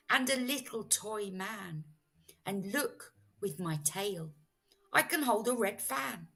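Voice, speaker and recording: A woman's voice: lowish voice, a bit bright, breathy edge, exaggerated voice. A woman voicing a mischievous, boastful, cheerful male cat in a playful showman's patter for a children's storybook. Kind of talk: children's storybook read-aloud.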